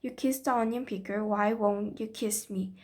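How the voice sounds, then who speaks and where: A woman's voice: medium pitch, steady tone, lightly acted. Drunk drawling sheriff, read by a woman. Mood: leering. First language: Korean. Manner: slow drawl. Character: drunk leering small-town male sheriff.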